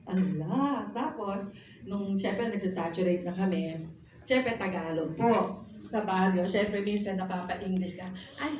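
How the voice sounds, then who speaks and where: A woman's voice: medium pitch, measured pace, a little mellow. A middle-aged woman, a pastor's wife, telling her personal testimony in a chatty way, mixing English phrases into her talk and speaking politely. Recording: echoey room, mic at a distance, faint noise.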